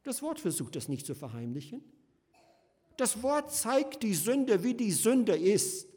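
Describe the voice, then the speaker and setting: A man preaching a sermon, swinging between loud emphasis and hushed, slow passages as he addresses his listeners fondly. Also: sits high, sing-song. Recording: long hall reverb.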